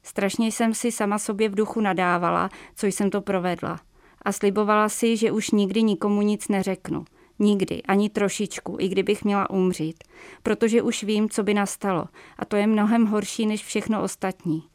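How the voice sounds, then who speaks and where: A woman author reading her own novella aloud in a measured, even way, with a few small slips, in a radio studio. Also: mid-range voice, no room sound. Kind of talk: reading literary prose aloud.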